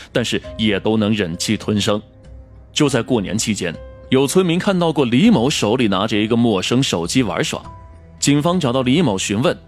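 Male voice, true crime narrator, scripted storytelling, very lively intonation, mid pitch, music behind.

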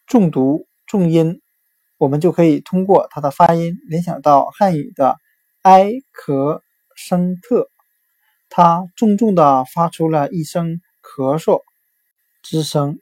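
A woman's voice: deep voice, a little mellow, no echo. A woman teaching English vocabulary, spelling words out letter by letter. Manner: slow, deliberate spelling out letter by letter. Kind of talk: vocabulary lesson.

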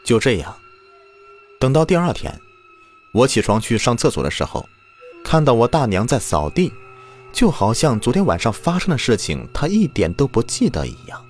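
A man narrating a listener's ghost story as the show's storyteller host, acting out the shouted lines. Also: mid-range voice, normal speed. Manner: lively, acts out quoted shouts. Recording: faint music underneath.

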